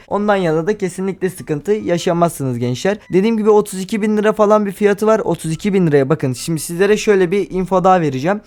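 A man's voice: high voice, darkish tone. A young man giving a casual tech review as a YouTuber, talking informally and directly to his viewers in a repetitive way. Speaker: YouTuber reviewing phones for gaming.

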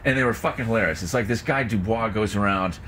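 A man's voice: lowish voice, fast, fairly bright tone, a little hiss or hum. A man in a bar, telling stories about his skits in a profane, laid-back way. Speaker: writer and director of the skits. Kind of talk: casual chat.

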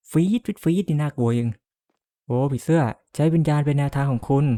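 A man's voice: mid-range voice, mellow. Jumpy man swearing through a horror game. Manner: jumpy, swearing, nervous laughter. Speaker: gamer.

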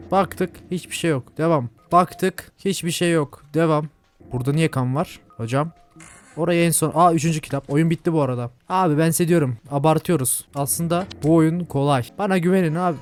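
A young man with a Turkish accent giving chatty, jumpy commentary while playing a horror game, yelling at scares. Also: fairly high pitch, moderate pace. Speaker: gaming channel host.

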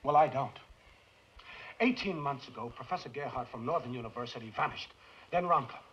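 A man's voice: mid-range voice, brisk, a bit bright, slightly rough. A man playing a frightened, guilt-ridden scientist who stammers and pleads, in 1950s film noir acting. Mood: anxious, pleading. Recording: muffled 1950s film soundtrack.

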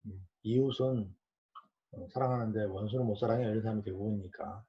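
A man's voice: on the low side, a little fast. Man leading a casual Bible study. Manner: conversational, asks the group questions, acts out quoted parents and children. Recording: dull lo-fi recording.

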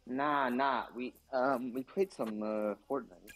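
A man chatting with friends during an online game, hesitant and halting as he asks how things work. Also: medium pitch, fairly even intonation, fairly bright tone. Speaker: gaming friend. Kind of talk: casual gaming chat.

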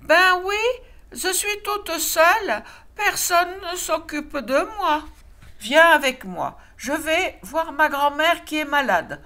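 A woman's voice: high voice, lively intonation, slow pace, pushed and bright, pitched above the performer's own voice, heavily acted. Cheeky red-hooded little girl, offhand, voiced by a woman reading aloud.

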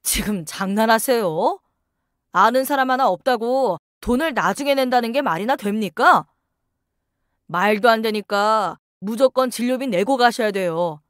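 A woman's voice: fairly high pitch, lively intonation, a little slow, no room sound, clean studio sound. A woman doing a stern hospital clerk. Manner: scolding, curt.

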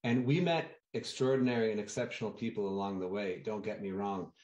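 A man's voice: lowish voice, fairly even intonation, fairly quick, a little mellow, lo-fi sound. A man in his thirties, a documentary guest, speaking earnestly and reflectively on a video call from a room lined with bookshelves. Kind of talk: remote TV interview. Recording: roomy echoey video call.

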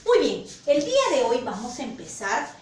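A female teacher with a Peruvian Spanish accent, leading a slow, encouraging phonics lesson and repeating the answers back. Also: on the high side, wildly swooping pitch, a little hiss or hum. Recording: echoey room, voice from far off.

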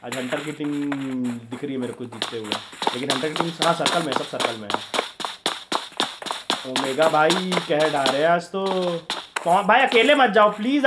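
A fairly high-voiced man calls a live match for his stream, laughing and joking one moment and yelling in the next. Loud constant noise sits under his voice throughout. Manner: excitable, shouting during fights, joking. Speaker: game streamer and caster. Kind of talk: live game commentary.

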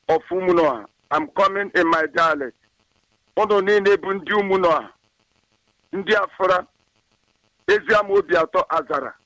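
Man, somewhat high pitch, preacherly exhortation and announcement, dry close sound. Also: pushed and bright, no echo, rough recording. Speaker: community leader making an announcement. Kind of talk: prayer and radio announcement.

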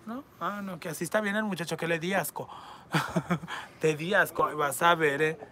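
A man reads out his viewers' messages and answers them with crude, teasing camp humor. His voice sits high for a man and rings bright and forward, with a faint hum of background noise underneath. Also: steady tone, normal speed. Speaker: online entertainer reading fan messages. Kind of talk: comedic chat reading viewer comments.

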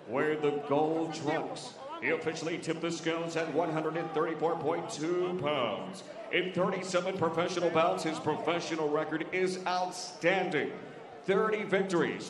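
A man working as a ring announcer at a live boxing event, giving booming, drawn-out shouted introductions. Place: large casino arena, indoors. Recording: echoey arena hall.

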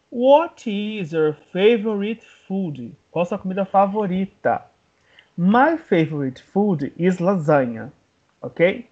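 A Brazilian man teaching a language class at an unhurried pace, with a husky edge to his voice. His pitch rises and falls a great deal as he models each phrase and repeats it carefully. The recording is dull and lo-fi. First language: Portuguese. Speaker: English teacher. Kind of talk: bilingual language lesson.

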